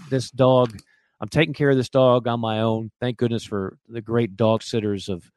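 A man co-hosting a sports radio show, telling a long personal story in a casual, animated way. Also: mid-range voice, no echo. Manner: animated storyteller who acts out quoted voices.

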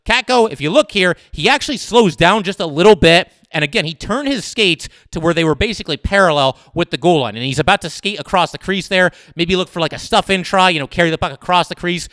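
Young male podcaster, solo analysis, emphatic with fillers, smooth and slightly high voice. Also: fast talker, few pauses, no echo, studio quality. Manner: animated, emphatic, many fillers. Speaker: sports podcast host.

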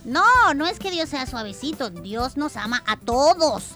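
Bright-voiced woman hosting a children's show. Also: high voice, measured pace, soft background music. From El Salvador. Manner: warm, lively, speaks directly to children. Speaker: children's radio show co-host.

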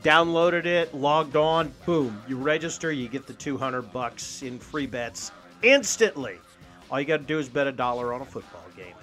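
Man reading a fast legal disclaimer, bright voice. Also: medium pitch, faint music behind. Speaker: sports show host.

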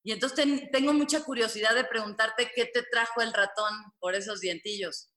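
A woman co-host teases and questions the children playfully. Her voice is bright and fairly high, and the room echoes around it. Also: moderate pace. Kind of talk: casual TV chat.

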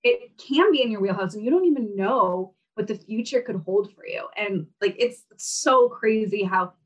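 Expressive and mid-range, at a moderate pace, the young Kazakh fashion brand founder, a native Russian speaker, laughs and fills her speech with fillers during a casual guest interview. She's recorded from a distance, highs cut off.

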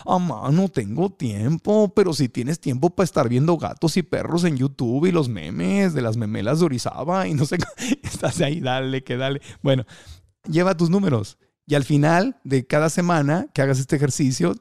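A man's voice: on the high side, lively intonation, normal speed, vocal fry, a little mellow, dry recording, clean studio sound. A man from Tijuana with a Mexican accent, hosting a motivational podcast and coaching listeners with many questions. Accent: Mexican Spanish.

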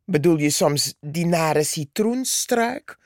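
A woman's voice: sits low, expressive, slow pace, a little mellow, no room sound, clean studio sound, voice pushed down, full character voice. A woman voicing a haughty, boastful male tree who talks down to others, in a storybook reading. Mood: scornful. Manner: condescending, scornful.

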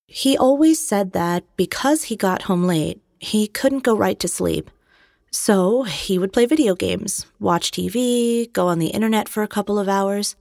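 A woman's voice: mid-range voice, measured pace, creaky, darkish tone, dry recording. A woman playing a young wife and mother recounting her troubled marriage in a documentary reenactment. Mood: troubled, reflective. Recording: close dry studio, music behind.

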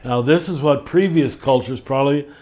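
An older man speaking as a spiritual teacher in a podcast conversation, thoughtful and measured, slowing down to stress key words. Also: medium pitch, darkish tone.

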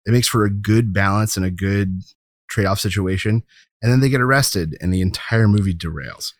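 Making a forceful, opinionated argument about movies, a man co-hosts a podcast in relaxed, casual talk. His lowish voice runs at normal speed, and the studio sound is clean and echo-free.

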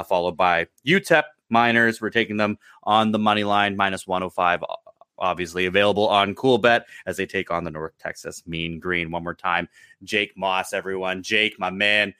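A man's voice: deep voice, sharp tone, clear, resonant tone, no room sound, clean studio sound. A man hosting a sports betting podcast, reading out his picks in a loose, casual way with plenty of swearing and laughter.

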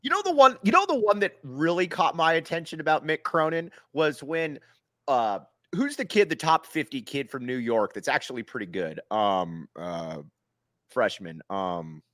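A man's voice: a little high, sing-song, normal speed, sharp tone, dry recording, studio quality. A man co-hosting a sports podcast in casual chat, laughing often and trailing off with fillers while he hunts for names. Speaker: podcast co-host.

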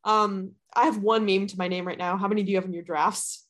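A woman's voice: mid-range voice, steady tone, fairly quick, a bit bright. A woman in her early twenties from the US Midwest, co-hosting a casual, slangy podcast over a computer video call. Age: early 20s. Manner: giggly, profane, slangy. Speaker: podcast co-host.

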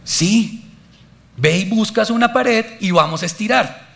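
A man voicing God as a calm, gentle male voice speaking softly in a sermon story. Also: unhurried, vocal fry, exaggerated voice. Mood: coaxing. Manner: soft, low, coaxing.

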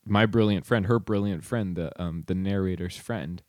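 Low-voiced man, halting book talk. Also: darkish tone, no room sound, clean studio sound. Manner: halting, restarts often, quick to laugh. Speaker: podcast co-host. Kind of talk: casual book chat.

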